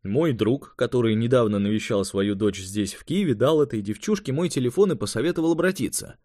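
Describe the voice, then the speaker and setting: Eager young male mage in an audiobook, higher and livelier than the narration, dry close sound, voiced by the male reader. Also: animated, fairly quick, a little mellow, dry recording, close to an everyday voice. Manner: raised, eager, explanatory.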